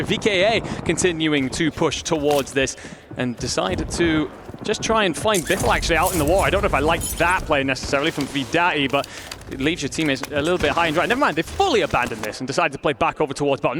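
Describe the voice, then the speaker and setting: A man commentating as an esports caster, fluently analysing the play as it unfolds. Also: on the high side. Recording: clear game noise behind voice.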